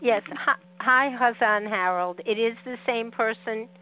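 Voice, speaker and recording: A woman introducing herself in an online class, polite and measured, over a tinny call connection. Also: fairly high pitch, little pitch movement, a little hiss or hum. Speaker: class participant. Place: online video meeting.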